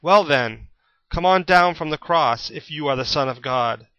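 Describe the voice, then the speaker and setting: A man voicing a jeering, mocking mob in a scripture reading, shouting taunts. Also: on the high side, a little slow, clear, resonant tone, no room sound, muffled recording.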